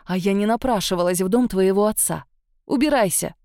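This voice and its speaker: A woman voicing a proud young female captive who shouts insults at her kidnapper. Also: mid-range voice, brisk, no echo, studio quality, natural voice. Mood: defiant.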